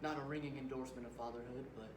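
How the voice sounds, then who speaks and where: A young man performing a manic, taunting male serial killer on death row as a dramatic interpretation piece, with shouts and cackles. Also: mid-range voice, fairly even intonation, rapid-fire, distant mic, background noise, close to an everyday voice. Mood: wry. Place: competition room. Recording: roomy hall recorded from afar.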